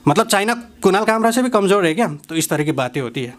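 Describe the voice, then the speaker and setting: A man's voice: sits high, very animated, fast. A man from India doing a conversational standup comedy set who keeps checking in with the crowd. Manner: conversational, keeps asking "hai na?".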